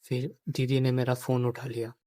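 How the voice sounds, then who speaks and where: A man's voice: medium pitch, completely flat delivery, moderate pace, mellow, dry recording. A young man, a vlogger, talking about a painful personal memory and often repeating his phrases as he tells it. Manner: grieving, repeats phrases, quotes others in dialogue. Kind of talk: personal storytelling vlog.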